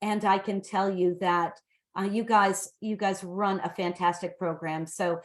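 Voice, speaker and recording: A woman's voice: medium pitch, fairly even intonation, a little slow. A woman speaking for a sponsor, giving enthusiastic welcome remarks with some fillers. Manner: enthusiastic, warm praise with fillers. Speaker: sponsor representative. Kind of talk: welcome remarks on a video call.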